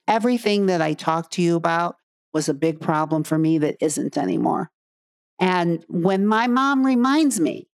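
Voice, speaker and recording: Earnest middle-aged woman podcaster, lowish voice. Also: a little mellow. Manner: earnest, repeats phrases for emphasis, speaks straight to the listener. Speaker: podcast host and coach. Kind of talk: heartfelt podcast monologue.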